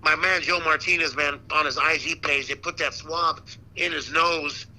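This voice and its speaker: A man speaks in a very bright, forceful voice that sits a little high. He is an interview guest chatting casually, with slangy, animated storytelling and the loose phrasing of someone talking shop. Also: moderate pace, poor audio. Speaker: boxing ring announcer, interview guest. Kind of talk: casual chat.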